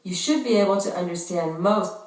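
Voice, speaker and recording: A woman with a low, slightly mellow voice narrates instructions for a language-course listening exercise in a measured, instructional manner. She sounds far off in an echoey room.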